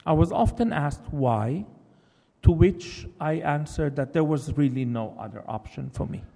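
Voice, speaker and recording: A novelist whose first language is Hebrew gives a reflective public talk in English, his speech thoughtful and halting with many restarts. His voice is a little high, expressive and dark, with vocal fry, and the long reverb of a hall surrounds it.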